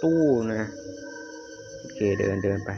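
A man doing casual commentary on a horror game as he plays, jumpy, exclaiming often and swearing freely. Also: takes it slowly. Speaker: game streamer. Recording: somewhat dull lo-fi audio with loud game music. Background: horror game music and sound effects.

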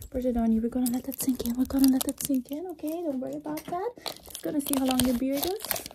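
A young adult woman with a high voice performs fast, aggressive ASMR role-play, mostly soft-spoken with bursts of soft voice and rapid repetition of short words. She's in a small indoor room with acoustic foam panels, using a microphone held or placed very close. The close mic picks up noise and handling clicks.

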